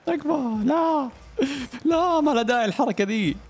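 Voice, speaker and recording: A young man, a gaming YouTuber, commentates on his own gameplay at normal speed over soft background music. He gets excitable, cheering and groaning at the plays and jumping from low mutters to high yells.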